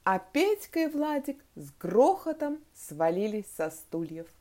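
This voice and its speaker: Slow, lively-voiced woman teacher. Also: medium pitch. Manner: expressive, slow and deliberate storytelling. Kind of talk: reading a story aloud, then a spelling lesson.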